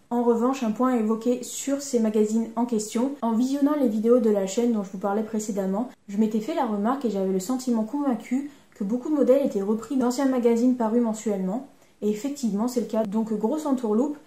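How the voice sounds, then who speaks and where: A woman's voice: a little high, dark tone. Chatty French woman in an echoey room. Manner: chatty, self-mocking storytelling. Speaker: sewing vlogger. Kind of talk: casual vlog narration.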